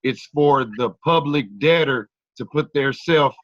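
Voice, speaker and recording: A man explaining things slowly on a group call, with halting restarts, and his line keeps cutting out. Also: a little high, fairly bright tone, no room sound, highs cut off. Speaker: caller.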